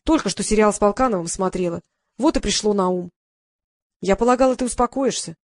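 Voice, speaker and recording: A woman's voice: medium pitch, a little fast, darkish tone, dry recording, clean studio sound, lightly acted. A woman voicing a tired, secretive mother in her forties who explains herself to her daughter in an audiobook. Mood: evasive. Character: weary secretive 45-year-old mother.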